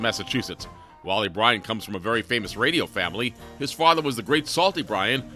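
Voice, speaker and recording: A male radio host with a bright, forceful voice. He presents quickly and with lively pitch movement, over faint music.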